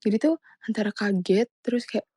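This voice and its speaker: Chatty young woman, mellow dry voice. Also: mid-range voice, fairly quick, breathy edge, dry recording. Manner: animated storytelling, many fillers. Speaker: guest. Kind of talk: casual chat.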